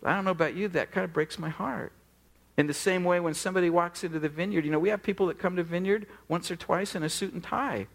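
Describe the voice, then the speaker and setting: A middle-aged man, a pastor, preaching a sermon with animated storytelling and acted-out dialogue. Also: high voice, fast talker, creaky.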